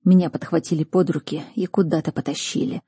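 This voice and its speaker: A woman reading first-person fantasy narration as an audiobook reader, measured and tense. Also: sits low, steady tone, mellow, slightly rough, no room sound, clean studio sound.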